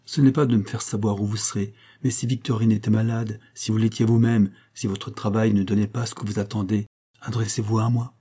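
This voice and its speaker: A man's voice: fairly low pitch, flat delivery, a little fast, mellow, lightly acted. Man reading as a restrained, devoted male friend. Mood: restrained, pleading. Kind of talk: audiobook dialogue reading.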